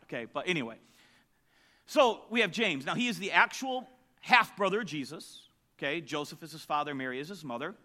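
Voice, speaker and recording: A man teaches scripture in a chatty sermon style. His voice is bright and sits a little high for a man, and he keeps checking in with his listeners. The delivery stays conversational throughout. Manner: conversational, asks the audience questions. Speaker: preacher.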